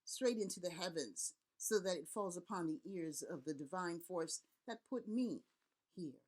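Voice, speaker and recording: Expressive and a little mellow, her lowish voice moves at normal speed. She is a middle-aged Haitian Vodou priest and elder, speaking passionately to camera in an earnest, rallying address full of repetition and long lists.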